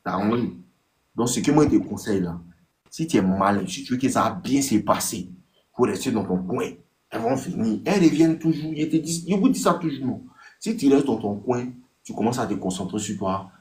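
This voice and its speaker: A man with an Ivorian French accent giving casual dating advice on a live stream. He talks straight to his listeners, repeats his points and acts out text exchanges in a higher voice. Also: lively intonation, fairly quick, a little mellow. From Ivory Coast. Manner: repetitive, addresses listeners directly.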